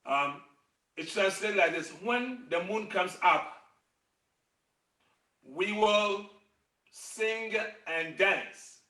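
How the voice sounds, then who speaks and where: Teaching children a singing game on a video call, a middle-aged man who teaches music and storytelling speaks in a bright, high, animated voice, extremely slowly and with frequent pauses, lingering over every phrase. He gently encourages them through call-and-response singing, sounding distant and echoey, as a far-off mic captures the roomy space.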